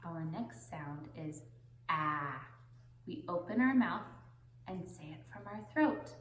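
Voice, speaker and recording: A young woman teaching a children's phonics lesson in a deliberate singsong, pausing for the listener to repeat. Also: fairly low pitch, animated, a bit bright, slight background noise. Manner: slow, deliberate singsong with pauses for repetition. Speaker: preschool teacher. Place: indoor classroom, seated on the floor. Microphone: camera a few metres away. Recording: roomy echo from camera distance.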